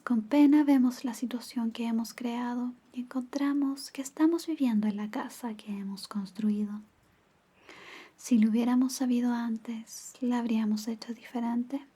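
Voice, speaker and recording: A woman playing a caring girlfriend in an ASMR ASMR role-play, softly and intimately reading bedtime stories in a breathy soft voice. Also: on the high side. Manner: soft, intimate, slow storytelling.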